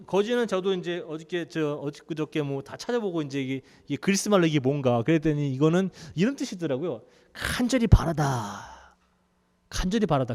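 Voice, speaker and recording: 활기차고 높은 목소리의 남자 목사, 교회 울림. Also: male voice, a little high, in a large hall. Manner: conversational, animated storytelling with laughs. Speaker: pastor. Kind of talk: sermon. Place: church sanctuary.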